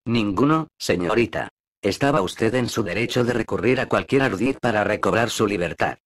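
A man's voice: on the low side, animated, moderate pace, no echo, clean studio sound. A man reading a brooding wounded sea captain. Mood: sorrowful. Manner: gloomy, brooding delivery. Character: wounded, bitter male naval captain.

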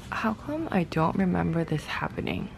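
A woman's voice: fairly low pitch, sing-song, normal speed, gravelly, a little hiss or hum, low-quality recording. A young woman chatting casually about a book she is reading, exasperated and sometimes dropping to a whisper. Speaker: book vlogger. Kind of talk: casual reading vlog chat.

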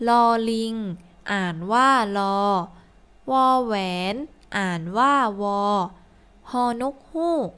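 A woman slowly reading a children's story and then drilling letters and vowels aloud, word by word, as a teacher. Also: fairly high pitch, bright, forceful tone, smooth. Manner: slow, deliberate, word-by-word reading. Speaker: teacher reading a first-grade Thai textbook.

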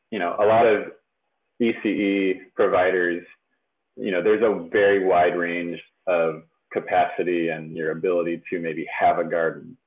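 Deep flat-voiced man on a tinny call. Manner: relaxed, many fillers, chatty. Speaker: webinar presenter. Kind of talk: casual webinar presentation. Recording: tinny phone-like webinar audio.

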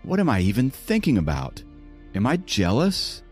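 A man's voice: mid-range voice, huge pitch swings, normal speed, darkish tone, husky, faint music behind, voice pushed up. A man voicing a shy, wry young male college student who questions himself. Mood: puzzled.

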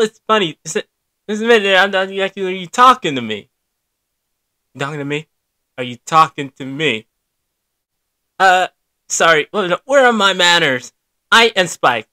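A woman voicing a big, goofy male talking dog in a cartoon, blunt and gruff in manner. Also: medium pitch, sharp tone, no room sound, studio quality.

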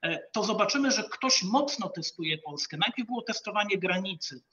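High bright male commentator, rhetorical. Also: lively intonation, highs cut off, slight background noise. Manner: measured, rhetorical, frequent hesitation sounds. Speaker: political commentator. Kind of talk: studio political debate.

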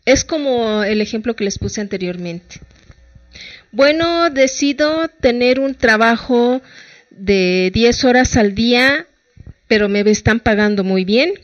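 A woman's voice: on the high side, expressive, slow, no room sound, muffled recording, soft background music. A middle-aged woman psychologist with a Mexican Spanish accent, giving colloquial advice and asking her listeners rhetorical questions. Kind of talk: talk-show advice talk.

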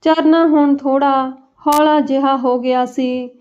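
A woman narrates a family tale from village life, reading steadily and with feeling. Her voice sits high. The recording is dull and lo-fi. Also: steady tone, measured pace, darkish tone. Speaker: storyteller. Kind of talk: storybook narration.

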